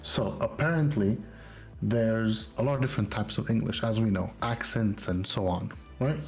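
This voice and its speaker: A man's voice: on the low side, normal speed, vocal fry, darkish tone, soft background music. A man co-hosting a podcast in casual chat, explaining facts and often checking in with his listeners. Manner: explanatory, keeps checking in with "right?" and "you know?". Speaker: podcast co-host.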